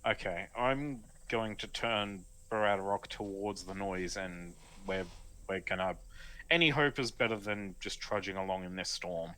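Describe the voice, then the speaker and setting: A man's voice: low-pitched, normal speed, pushed and bright. A man taking part as a player in a tabletop game, eager and chatty.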